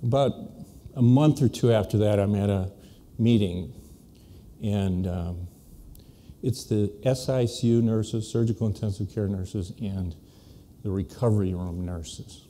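A physician giving a conversational, anecdotal talk to a conference audience, with an American accent, dropping into quiet asides. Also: male voice, fairly low pitch, unhurried, a little hiss or hum. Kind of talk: storytelling speech to an audience. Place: conference meeting hall.

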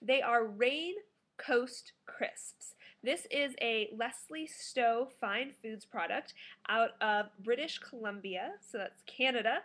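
A woman's voice: a little high, takes it slowly, fairly bright tone. A woman in her thirties giving a casual, enthusiastic food review to camera at home as a food blogger. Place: small living room at home, indoors.

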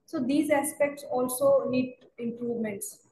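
Mellow, higher-voiced Indian woman interviewer. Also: a little slow. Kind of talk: interview conversation. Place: plain room, indoors. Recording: roomy echoing video-call audio.

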